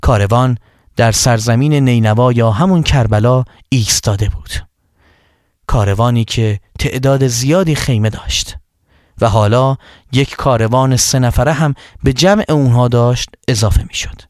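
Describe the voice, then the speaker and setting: A man narrating a story for children, addressing them directly with an expressive, measured delivery. His voice sits at a middle pitch, and the recording is dry and close. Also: dry recording.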